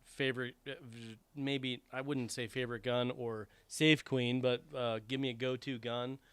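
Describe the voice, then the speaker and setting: An American man with a bright, tense-edged voice, heard up close and dry. He steers the casual podcast chat and throws in wry jokes. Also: medium pitch, flat delivery, normal speed, clean tone, dry recording. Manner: wry, joking asides. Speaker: podcast co-host.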